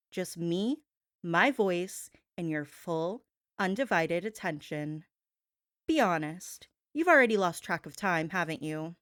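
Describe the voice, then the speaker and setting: Playing the host of a gossip show, a woman delivers a sassy, theatrical monologue, stretching words out for drama and addressing the listener as "babe." She speaks on the low side. The recording is clean studio audio without room sound.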